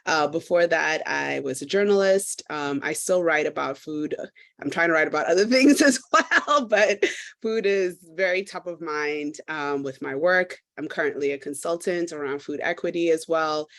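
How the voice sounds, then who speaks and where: Engaged woman from Trinidad. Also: low-pitched. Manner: warm, engaged, many fillers, light laughs. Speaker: food equity consultant, panelist. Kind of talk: panel introduction.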